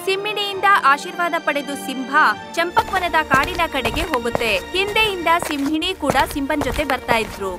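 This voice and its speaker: High-voiced woman narrating a cartoon. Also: moderate pace. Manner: steady storytelling. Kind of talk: scripted narration of an animated story. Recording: music under the voice.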